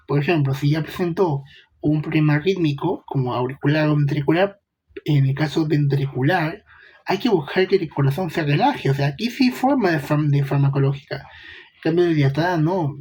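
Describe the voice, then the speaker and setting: Young man, casual medical lecture, husky voice, rhetorical questions. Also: fairly high pitch, a little mellow. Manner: chatty, asks rhetorical questions, slangy asides.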